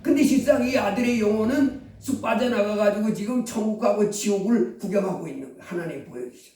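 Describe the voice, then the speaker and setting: A man preaches, telling a story and acting out the people in it with animated quoted lines. His voice sits high yet mellow, picked up from a distance in a strongly echoing room. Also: a little fast. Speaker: pastor. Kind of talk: sermon storytelling.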